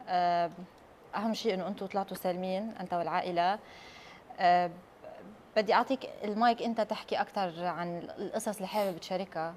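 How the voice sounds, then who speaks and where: Quick, lowish Levantine woman interviewer. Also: darkish tone, a little hiss or hum. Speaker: news interviewer, host. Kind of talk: studio interview. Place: large TV news studio. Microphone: lapel.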